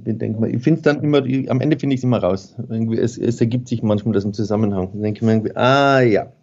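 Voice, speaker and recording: A man's voice: lowish voice, fairly even intonation, fast talker, gravelly, dark tone, lo-fi sound. A male author, talking through his writing in a rambling, thoughtful way with many fillers. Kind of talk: conversational interview.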